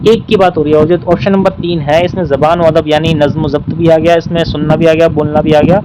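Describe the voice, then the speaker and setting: A man with a fairly high voice teaches an exam-prep lesson. He works through each question patiently and repeats the key points. Faint traffic noise sits behind him. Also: flat delivery.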